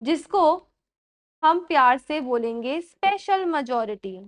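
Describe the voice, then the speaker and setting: A young woman teaching a class and mixing English terms into Hindi, dictating slowly, repeating points and checking that her students follow. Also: high voice, lively intonation. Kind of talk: classroom lecture.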